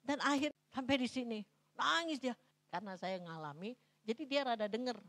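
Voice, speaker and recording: A middle-aged woman pastor from Sumatra, preaching a sermon in a church and telling stories, swinging between hushed asides and loud, dramatic peaks. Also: a little high, moderate pace. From North Sumatra.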